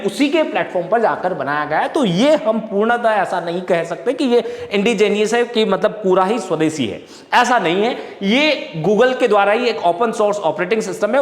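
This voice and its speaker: A man explaining current affairs to exam students, often repeating and correcting himself and mixing in English terms. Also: high voice. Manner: repetitive, self-correcting, mixes English terms. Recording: echoey room with long reverb.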